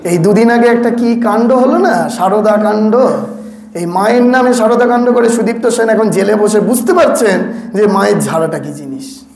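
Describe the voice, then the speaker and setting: A man's voice: high voice, moderate pace, a little mellow. An older man, a monk, giving a sermon to an audience, questioning them directly and adding wry asides. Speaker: monk giving a spiritual talk. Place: hall with an audience. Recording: echoey hall.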